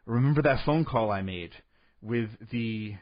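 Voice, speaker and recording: Deadpan man spinning a comic tall tale. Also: medium pitch, measured pace, no echo, dull audio. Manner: deadpan tall tales with rambling restarts. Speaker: comedic storyteller. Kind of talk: comic sports storytelling.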